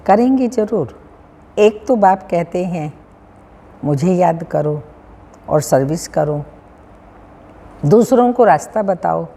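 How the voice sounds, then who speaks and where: Slow, low-voiced woman reading scripture in a hall. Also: dark tone. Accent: Hindi, North Indian. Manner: measured, sing-song recitation with pauses, clears throat often. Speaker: spiritual teacher reading a daily discourse. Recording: long hall reverb, faint room hum.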